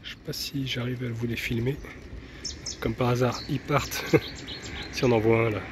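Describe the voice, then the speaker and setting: A man's voice: mid-range voice, normal speed, noisy background. Easygoing French man chatting outdoors. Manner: chatty and relaxed, soft laughs and many "euh" fillers. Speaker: travel vlogger. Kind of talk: casual vlog narration. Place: outdoors, walking around a van and an old town.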